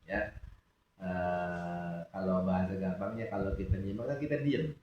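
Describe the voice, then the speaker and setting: A man teaching Quran recitation in a relaxed religious lesson, often asking questions for his students to answer. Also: deep voice, normal speed, slight background noise. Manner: asks students questions and lets them answer. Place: mosque study hall. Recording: echoey room, distant mic, dull sound.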